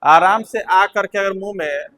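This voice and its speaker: A man's voice: high voice, normal speed, bright, forceful tone, poor audio. A male teacher giving a classroom lecture, repeating key points and quizzing his students.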